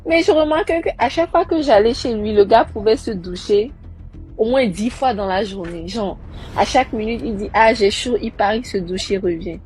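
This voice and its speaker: A woman's voice: mid-range voice, normal speed, faint music behind. A young woman casually recounting a personal story, acting out the people she quotes. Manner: animated, acting out quoted voices.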